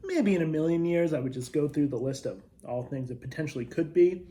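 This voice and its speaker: A man reviewing snacks as a video host, talking casually and chattily with pauses to taste and thoughtful hums. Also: a little high, very animated, mellow.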